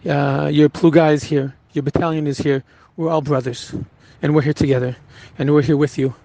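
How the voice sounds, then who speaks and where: A rabbi recounting a personal story in an earnest, halting way, with frequent restarts. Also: male voice, on the high side, little pitch movement, mellow, slight background noise, poor audio.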